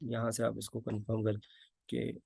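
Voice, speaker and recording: A male teacher talks through a casual lesson, stopping often to hesitate and repeat words. His voice has a gravelly fry to it. The recording is dry and close, and his voice drops off now and then as he turns away to write. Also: fairly low pitch, completely flat delivery, measured pace, darkish tone, no echo. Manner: hesitant, many fillers, repeats key words. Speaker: anesthesia teacher. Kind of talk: informal spoken lesson.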